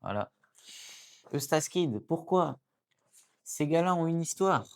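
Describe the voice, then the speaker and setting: An excitable man giving casual pack-opening commentary to his viewers. He is chatty and talks to the audience as "guys", often jumping into high, excited exclamations and jokey asides. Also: slow. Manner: excitable, chatty, keeps addressing viewers as "les gars". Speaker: card-opening YouTuber.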